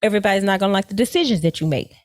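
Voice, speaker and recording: A woman co-hosting a casual podcast, talking at length and dropping in fillers. Her voice sits at an ordinary middle pitch. It is recorded dry and close, with no room echo. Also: animated, rapid-fire, a little mellow. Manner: talkative, frequent fillers and laughter. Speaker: podcast co-host.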